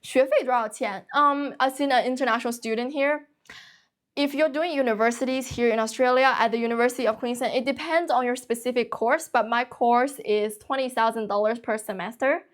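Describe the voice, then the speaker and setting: Chatty young woman, Chinese-born English tutor. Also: a little high. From China. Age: young adult. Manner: brisk, chatty, refuses to slow down. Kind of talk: casual livestream chat answering viewers. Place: office.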